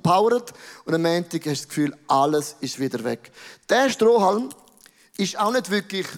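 A man with a Swiss German accent preaching a sermon, emphatic and peppered with English words. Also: high-pitched. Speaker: pastor. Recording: reverberant large hall.

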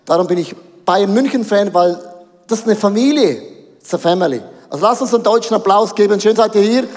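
A Swiss man in his forties preaches with a Swiss German accent, keeping things jokey and lively and slipping in English phrases. His voice sits high for a man. The big hall gives it a long, trailing reverb. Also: a little fast. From Switzerland. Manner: joking, lively, mixes in English. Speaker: pastor. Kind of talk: sermon. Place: large hall on stage.

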